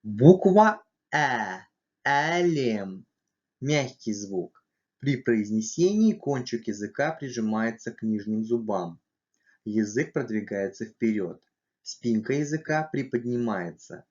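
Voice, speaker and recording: A man's voice: mid-range voice, expressive, measured pace, a little mellow, lo-fi sound. A man narrating a scripted language lesson, carefully spelling out letters and sounds one at a time. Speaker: language teacher.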